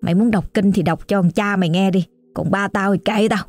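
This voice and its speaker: Woman narrator doing a surly drunk man, Southern Vietnamese accent, slurred and contemptuous, soft faint music behind. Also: medium pitch, steady tone, a little fast, dry recording, natural voice. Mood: scornful.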